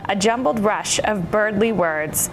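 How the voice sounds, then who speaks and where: A woman's voice: medium pitch, a little slow, over music, poor audio. A woman hosting a children's story time, playful and bubbly like an entertainer for young listeners. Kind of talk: children's story time chat and read-aloud.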